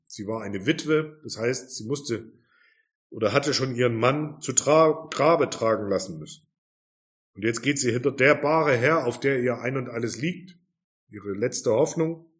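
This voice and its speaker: A man preaching a sermon, earnest and emphatic, with rhetorical questions. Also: mid-range voice. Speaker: pastor.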